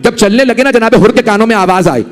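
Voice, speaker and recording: Impassioned high-voiced male preacher. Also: fast, long reverb tail. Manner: emotional storytelling, urging listeners to watch him; rising, impassioned delivery at peaks. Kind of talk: mourning sermon.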